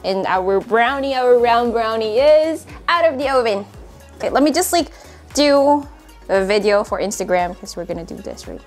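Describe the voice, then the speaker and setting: In a small apartment, a woman in her late twenties records a casual vlog on a clip-on mic, soft music playing behind her. She speaks at normal speed in a slightly high, expressive voice, giggling, singing, and repeating phrases in a bubbly way.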